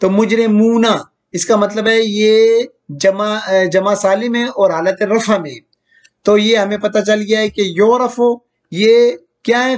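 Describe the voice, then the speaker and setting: A man with a high voice, well above the usual male range, teaching a grammar lesson at an even, patient pace. He keeps putting questions to his listeners and answering them himself. He reads each example out slowly and often stops to check that they follow. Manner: draws out Arabic examples slowly and deliberately; often checks in with "theek hai". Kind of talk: recorded grammar lecture.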